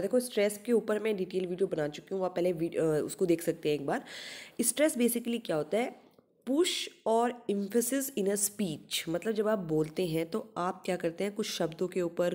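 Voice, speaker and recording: A woman's voice: fairly low pitch, mellow. A young woman teaching an exam-prep lesson, explaining patiently and asking and answering her own questions. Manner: reads English definitions slowly.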